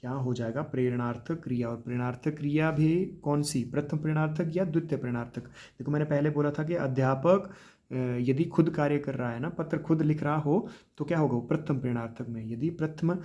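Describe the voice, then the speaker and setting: A man teaching grammar for a police exam, explaining step by step, calling his students children, and often tagging his points with a quick "right?". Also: a little high, mellow. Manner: explains step by step, addresses students as children, repeats with tag questions. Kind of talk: exam-prep grammar lesson.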